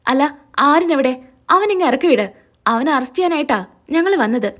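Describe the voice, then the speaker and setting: Lady reading out a bossy cop barking orders, kinda high voice. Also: expressive, moderate pace, a bit bright. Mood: stern. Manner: curt, ordering people about. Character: stern male police officer making an arrest.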